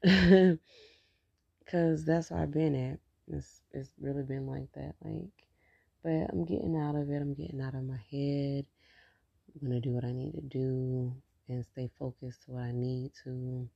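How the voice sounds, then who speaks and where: A man's voice: mid-range voice, creaky, mellow, no echo, dull audio. A man hosting a casual solo podcast, talking candidly and encouraging himself. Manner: candid, self-encouraging, laughs between thoughts. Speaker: podcast host.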